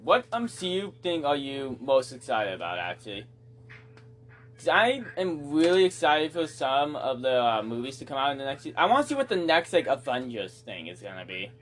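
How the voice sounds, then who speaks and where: A man's voice: mid-range voice, sing-song, normal speed, a bit bright, slight background noise. A young man co-hosting a podcast, bantering with friends in a joking, defensive way. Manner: defensive, joking, swears and laughs. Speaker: podcast co-host. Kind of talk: casual banter among friends.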